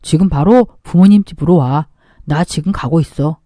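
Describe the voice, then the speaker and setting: Woman putting on a worried husband, terse, urgent, lower voice, dry recording. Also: normal speed, dark tone, dry recording. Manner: clipped, urgent.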